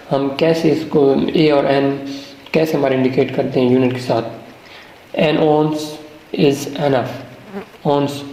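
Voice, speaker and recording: In an echoey room, a man with a mellow, mid-range voice teaches a classroom-style grammar lesson. He explains points, then asks the viewer questions and answers them himself, reading English example sentences slowly and deliberately.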